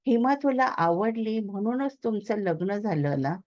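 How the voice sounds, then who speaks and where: A blunt, protective middle-aged mother who scolds plainly, read by a woman narrator. Her lines come slowly, and the recording has a slightly muffled, lo-fi sound. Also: mid-range voice, lively intonation, a little mellow, lightly acted. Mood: scolding.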